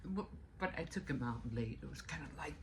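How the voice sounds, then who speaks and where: Middle-aged woman vlogger, toothless diction, animated intonation, loose morning chit-chat, noisy home audio. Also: a little fast. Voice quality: toothless speech, without dentures. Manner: rambling, talking low at times. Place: indoors at home, bedroom.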